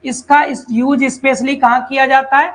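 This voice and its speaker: Speaking in a level, fairly bright, high male voice, a civil engineering tutor runs an online exam-prep session captured on a rough recording. He goes over key terms repeatedly and refers to students as brother and child, reading English definitions slowly before explaining in Hindi.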